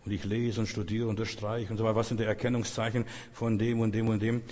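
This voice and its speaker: A man's voice: on the low side, little pitch movement, fast talker, darkish tone. A man preaching a sermon in an earnest, repetitive way, speaking directly to his listeners. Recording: long echo of a large hall.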